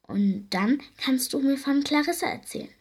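A woman's voice: high voice, moderate pace, voice pushed up, natural voice. A woman voicing an eager little girl. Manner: bright, earnest. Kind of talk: storybook reading.

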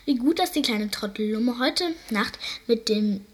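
A woman voicing a gentle male hermit crab in a storybook, speaking sorrowfully. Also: fairly high pitch, expressive, unhurried.

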